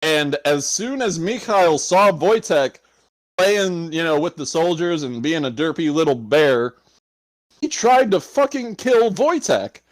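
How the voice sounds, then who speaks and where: A man's voice: a little high, expressive, unhurried, no echo, low-quality recording. A man co-hosting a podcast, telling a story in loose casual chat, swearing often and laughing between lines. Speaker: podcast co-host.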